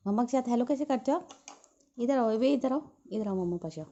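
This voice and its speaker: A woman's voice: a little high, animated, quick pace, warm tone, lo-fi sound. A woman coaxing her pet parrot in doting baby talk. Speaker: pet owner.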